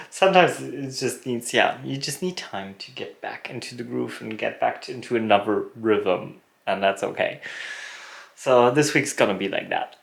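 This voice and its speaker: A man in his late thirties chatting casually for a vlog, relaxed and often laughing, with many fillers, while showing around a barn and garden. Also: medium pitch, normal speed, creaky, slightly rough. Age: late 30s. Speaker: vlogger. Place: outdoors and in a barn on a rural property.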